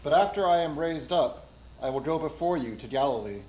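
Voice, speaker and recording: A man's voice: a little high, animated, fairly quick, a little mellow. A man reading gospel verses formally as a church reader. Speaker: scripture reader at a Good Friday service. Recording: echoey room with clear background noise.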